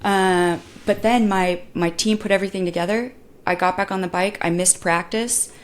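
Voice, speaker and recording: A young woman co-hosting a podcast, telling personal stories in a candid, animated way and acting out voices as she goes. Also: mid-range voice, normal speed. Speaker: podcast co-host and motorcycle racer. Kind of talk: casual podcast conversation.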